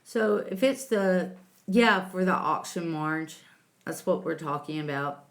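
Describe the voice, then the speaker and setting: A woman hosting a casual livestream, chatting with viewers and calling them sweetie and honey. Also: on the low side. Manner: slow, homey, calls viewers sweetie and honey. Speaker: livestream host reading chat.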